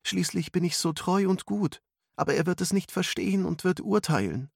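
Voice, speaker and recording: A man's voice: sits high, normal speed, gravelly, breathy edge, dry recording, clean studio sound, voice pushed up, exaggerated voice. A man voicing an anxious young woman. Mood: fretful. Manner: anxious, fretful. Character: young woman, nervous and self-doubting.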